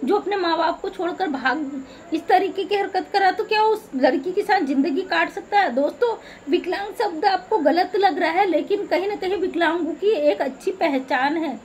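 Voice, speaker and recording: A middle-aged woman speaks in a very high voice, lecturing and pleading with her viewers in a preachy, scolding way. Faint noise hums behind her. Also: normal speed. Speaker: social media vlogger. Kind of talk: earnest direct-to-camera appeal.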